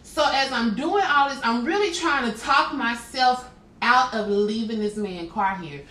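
A woman's voice: fairly high pitch, measured pace. A woman telling a story in casual chat as a podcast co-host. She retells it with exasperation and acts out what people said. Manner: animated, exasperated retelling with quoted voices. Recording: echoey room with faint noise.

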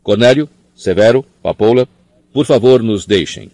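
A man reading an audiobook, voicing a calm, wise old headmaster who speaks in a measured way. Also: lowish voice, dry recording, voice pushed up, close to an everyday voice. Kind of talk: audiobook character voice.

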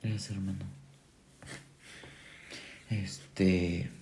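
Man, Mexican accent, podcast host, slangy and encouraging, low gravelly voice, echoey room. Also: level tone, drawn-out words, warm tone. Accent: Mexican Spanish. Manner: slangy, encouraging, prompts the guest. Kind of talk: casual podcast chat. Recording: roomy echo, faint background noise.

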